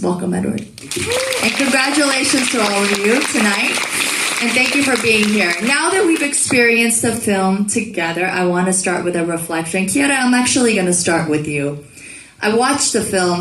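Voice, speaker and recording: A woman's voice: medium pitch, fairly bright tone, a little hiss or hum. A woman moderating a film festival panel, formally introducing the guests. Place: festival screening room. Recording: echoey room.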